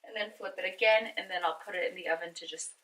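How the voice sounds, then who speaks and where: A woman's voice: on the low side, fast talker, fairly bright tone, rough recording. A woman hosting a cooking video, talking to viewers in a chatty, informal, step-by-step way. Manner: chatty, informal, addresses viewers as guys and friends. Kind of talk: casual cooking demonstration to camera.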